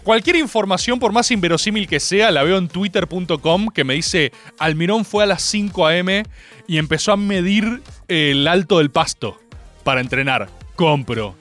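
A young man with an Argentine accent hosts a radio show in a casual, sarcastic chat. His voice sits high and swings widely, jumping from mocking squeaks down to grumbled asides. Faint music plays under him. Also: normal speed. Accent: Argentine Spanish. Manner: animated, sarcastic, jumps between high mock voices and low mutters. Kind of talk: casual comedic radio talk.

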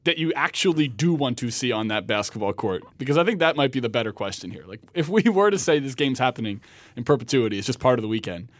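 A man's voice: mid-range voice, animated, quick pace, no room sound. A man in his thirties hosts a loose sports chat, rambling through questions and laughing at his own jokes. His voice sits in a mid register and is recorded dry, with no room sound. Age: 30s. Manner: rambling, laughs often, self-deprecating. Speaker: podcast host.

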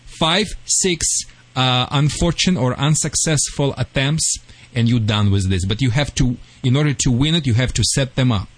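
A man from Russia with a Russian accent, hosting a call-in pet advice show in excitable, joking, imperfect English. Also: medium pitch, normal speed. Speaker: radio pet-advice host and dog trainer.

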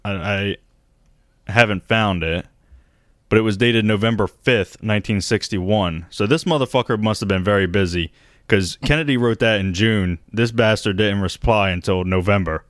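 Low-voiced podcast guy, swears a lot, laughs, does goofy quote voices, dry close mic. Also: normal speed, no room sound. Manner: profane, laughing, acts out quotes in mock voices. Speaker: podcast co-host. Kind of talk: casual conspiracy podcast chat.

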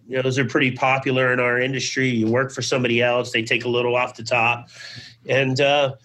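A man's voice: mid-range voice, pushed and bright. A middle-aged man telling his life story as an interview guest, loose and conversational, peppered with "you know" and "man", acting out old conversations. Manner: acts out remembered conversations. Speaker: interview guest, business founder.

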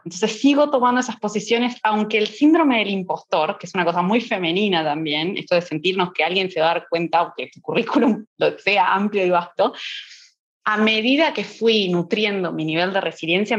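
A woman guest telling a lively anecdote in a podcast interview, acting out the dialogue and laughing often. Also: medium pitch, normal speed, highs cut off. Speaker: guest, business executive. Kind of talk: conversational anecdote.

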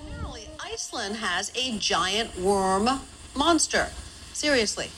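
A woman's voice: fairly high pitch, sing-song, unhurried, a bit bright, rough recording. A woman presenting a news report, in a clip with faint music.

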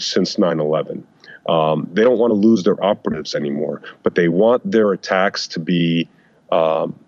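A man giving interview answers in an electronically disguised deep voice, speaking in measured, hesitant phrases. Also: darkish tone, no echo. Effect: voice disguiser lowering the voice. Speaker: guest, undercover FBI agent and author. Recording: dull lo-fi sound.

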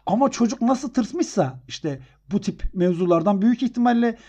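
A man's voice: sits high, animated, moderate pace, dark tone, husky. A man chatting casually on a podcast, telling stories as a lecturer and laughing often. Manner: chatty storyteller, laughs often, acts out emails. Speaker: podcast co-host, university lecturer. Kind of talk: casual chat.

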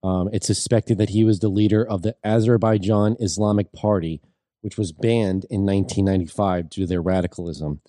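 A man's voice: sits low, fairly even intonation, fairly quick, dark tone, no room sound, studio quality. A man co-hosting a news show, reading out reports hesitantly with many fillers. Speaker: co-host.

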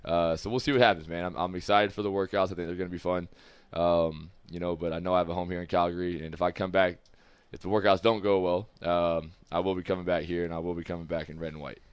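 A football player in his twenties from the United States chats candidly and easily as a guest in a studio room with several people, loose and rambling. His low voice stays fairly even, and he talks fast with hardly any pauses. The tone is clean, and the recording is dry but lo-fi.

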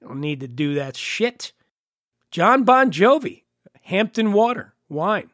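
A man hosting a podcast in casual, chatty monologue, with a nasal twang from a head cold and animated asides. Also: high voice, takes it slowly, dry recording, studio quality. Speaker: podcast host.

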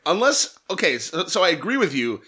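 Male podcast co-host, animated voice, jokey banter. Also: sits high. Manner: joking, quick reactions. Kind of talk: casual chat.

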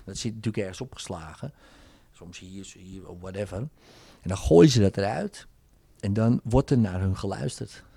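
A man's voice: fairly low pitch, normal speed, gravelly, slightly rough, dry recording, studio quality. A man, a hypnotherapist telling in casual talk how he works, acting out bits of his sessions. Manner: animated storytelling, acting out client dialogues.

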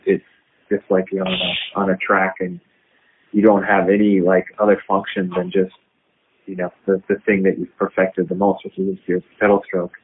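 Man, husky low voice, tinny phone-line sound, rambling interview answers. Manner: rambling, halting, many fillers. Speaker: interviewed pro cyclist. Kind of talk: recorded interview.

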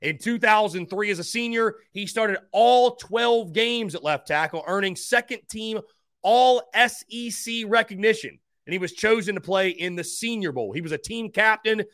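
A man's voice: high voice, moderate pace, a bit bright, no room sound, clean studio sound. A man hosting a sports countdown, announcing rankings and names with emphasis and talking to listeners as guys. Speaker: sports host counting down a ranked list. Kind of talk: top-five countdown sports commentary.

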